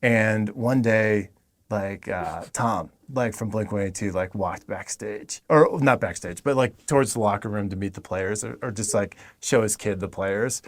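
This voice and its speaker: A man's voice: fairly low pitch, normal speed. A man talking as a podcast guest in laid-back casual chat, full of "like". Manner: laid-back, peppers speech with "like".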